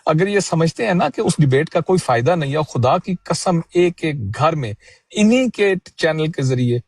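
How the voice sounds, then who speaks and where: A man's voice: a little high, lively intonation, slightly rough, no room sound. A man hosting a casual panel discussion, talking emphatically and swearing oaths to stress his points. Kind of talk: casual heated panel chat.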